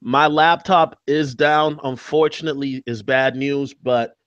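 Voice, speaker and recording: A man hosting a casual live-stream interview over a video call, his audio choppy and lo-fi from a bad connection, talking in a halting way with many fillers. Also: medium pitch, fairly even intonation, a bit bright, no echo. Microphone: video call from a backup laptop.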